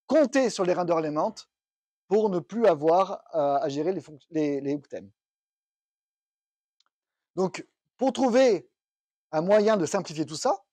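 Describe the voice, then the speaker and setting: A man's voice: sits high, darkish tone, breathy edge, no echo. Man giving a technical conference talk. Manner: explanatory, thinks aloud with restarts. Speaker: conference speaker. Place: conference room.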